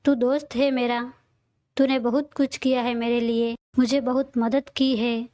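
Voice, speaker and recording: A woman's voice: a little high, flat delivery, measured pace, warm tone, no room sound, clean studio sound, close to an everyday voice. A woman voicing a cheerful, teasing young man who is a loyal friend, in a read-aloud audio story. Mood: friendly.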